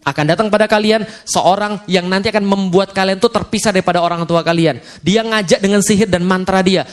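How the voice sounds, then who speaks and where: A man's voice: sits high, a little fast, lightly acted. A male preacher voicing an agitator who warns a crowd against a newcomer. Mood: agitating.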